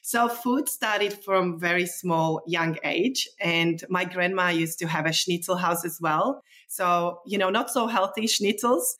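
Speaking at a measured pace with hardly any pauses, this woman from the former Czechoslovakia, a nutritionist and guest, shares stories casually and with enthusiasm. Her lowish voice is a bit bright, and her phrasing is non-native.

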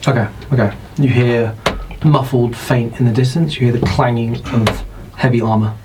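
A man with a British accent, narrating as dungeon master in an unhurried, descriptive way. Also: mid-range voice, fairly even intonation, background noise. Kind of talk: narrating a tabletop game.

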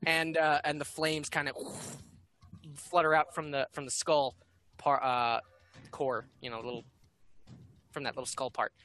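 A man narrating as game master, talking in halting bursts with many fillers and restarts. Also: fairly high pitch, little pitch movement, pushed and bright, faint music behind.

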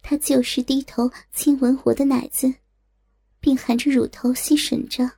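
A woman telling a first-person story in calm, steady narration. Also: sits high, normal speed, gravelly, husky.

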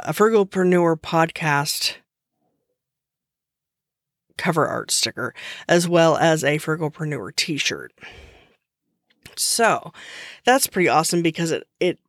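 Speaking slowly in a deep, easygoing voice, a female podcast host walks through a subject on her own casual show. Her talk is unscripted and chatty, sprinkled with fillers and frequent restarted sentences, captured dry and close without any room reverb.

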